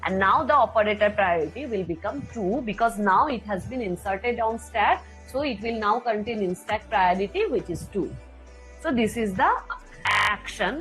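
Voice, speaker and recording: A woman with an Indian Bengali accent, a native Bengali speaker, lecturing step by step as a teacher in a deliberate, repetitive way. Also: mid-range voice, fairly bright tone, soft background music. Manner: deliberate, repetitive explaining, switching languages. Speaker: computer science teacher.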